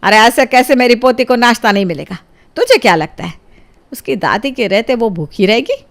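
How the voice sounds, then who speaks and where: A woman's voice: on the high side, lively intonation, brisk. A woman voicing a scolding old grandmother who spoils her granddaughter, in a cartoon storybook. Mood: chiding. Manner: indulgent, chiding.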